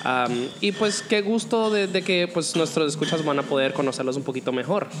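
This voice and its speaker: A man's voice: on the high side, fairly quick. A man hosting a casual radio interview, chatty and full of fillers, slipping English phrases into his talk. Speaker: radio host.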